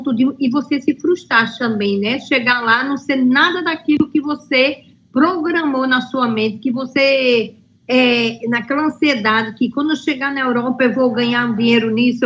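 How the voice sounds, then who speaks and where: A woman's voice: on the high side, a bit bright, highs cut off, a little hiss or hum. A woman student asking her teacher a question, thinking aloud and hesitating as she builds her point. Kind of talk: classroom question.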